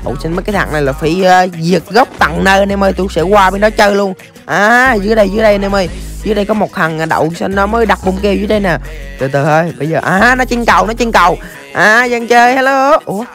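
A game streamer rattles off rapid, excitable play-by-play, breaking into bursts of exclamations. The voice sits at a middle pitch, and soft music plays faintly underneath. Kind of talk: live gameplay commentary.

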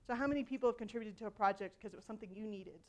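Talking very fast in a mid-range voice, a woman in her forties gives a conference keynote from a hall stage. She keeps it conversational, stumbling into frequent ums and restarts while joking about herself.

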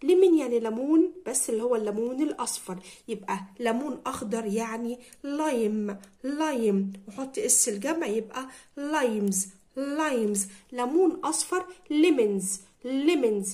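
A woman English teacher with an Egyptian Arabic accent, leading a vocabulary drill and repeating each word slowly and clearly for her pupils. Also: a little high, lively intonation, dark tone.

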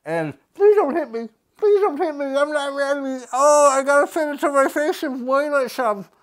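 A woman's voice: sits high, animated, normal speed. A woman hosting a casual unboxing vlog, talking with a mouthguard in, playful and jokey as she reads instructions aloud. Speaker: unboxing video host.

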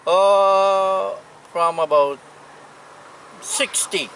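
A man in his eighties from Anguilla with a Caribbean accent, reminiscing casually in an unhurried, plainspoken way. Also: high voice, a bit bright, smooth, poor audio. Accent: Anguillan Caribbean English. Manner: unhurried, plainspoken old seaman's talk with pauses. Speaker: retired sea captain, interviewee. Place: outdoors on a seaside hillside. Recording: outdoor camera audio with noise.

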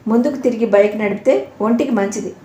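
A woman reading the part of a spirited, quick-tempered young woman in an audio novel, scolding sharply, in an echoey room. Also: fairly high pitch, mellow, slight background noise, close to an everyday voice.

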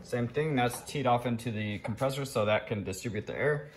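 A man with a medium-pitched voice talks a little fast as he vlogs casually from his home garage workshop, showing viewers a hands-on DIY project and calling them "guys." It's a handheld recording with clearly audible background noise.

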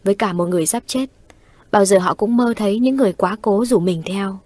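A woman storyteller reads ghost stories at an even, unhurried pace. Her voice sits at a middle pitch. It is recorded close and dry, with no echo at all. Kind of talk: horror story narration.

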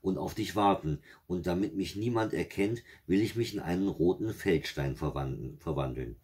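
A man's voice: deep voice, moderate pace, darkish tone, slightly rough. A man doing a frightened young fairy-tale girl. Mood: calm.

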